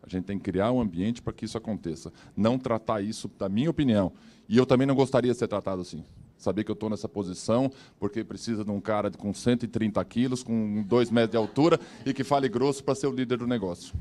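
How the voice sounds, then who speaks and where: Fast-talking, firm business leader man. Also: on the low side, dark tone, a little hiss or hum. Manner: direct, emphatic, firm. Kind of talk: corporate panel talk.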